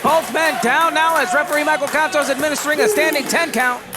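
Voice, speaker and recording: A man's voice: very high voice, steady tone, fast talker. A man calling a pro wrestling match as a live play-by-play commentator, with an emphatic announcer delivery and clipped move calls. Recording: loud music and crowd noise behind. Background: loud music and a noisy crowd.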